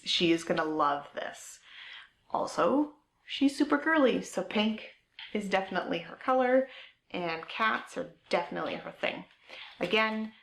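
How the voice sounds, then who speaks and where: A woman talks in a slow, unhurried way as she hosts a knitting show and chats about what she has. She sounds eager and casual, drifting off mid-thought and using fillers. Her voice echoes around the room at home where she is recording. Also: lowish voice, a bit bright, slight background noise. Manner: chatty and enthusiastic, with filler words and trailing thoughts. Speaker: knitting podcast host. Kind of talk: casual show-and-tell chat. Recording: roomy echo.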